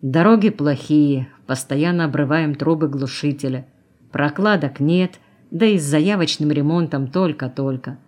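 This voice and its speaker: A woman's voice: low voice, moderate pace, a little mellow. A woman reading the lines of a plainspoken, grumbling male truck driver in an audiobook.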